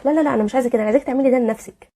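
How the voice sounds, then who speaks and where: Rapid-fire Egyptian woman advice host. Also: a little high. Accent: Egyptian Arabic. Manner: blunt, sarcastic, animated. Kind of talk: reading listener letters and giving advice.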